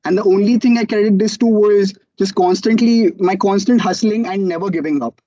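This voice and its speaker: A young man with an Indian English accent telling his startup story as a motivational talk, animated and acting out quotes. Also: sits high, brisk, no echo, highs cut off. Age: young adult. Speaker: student entrepreneur speaker.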